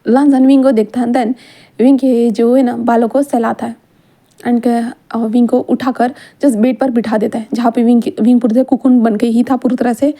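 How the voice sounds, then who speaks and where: A woman tells a fan-fiction story aloud in an easy, casual way. Her voice sits high and sounds warm and soft, and she slips in small fillers as she goes. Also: little pitch movement, moderate pace. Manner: casual, mixes English words, brief fillers.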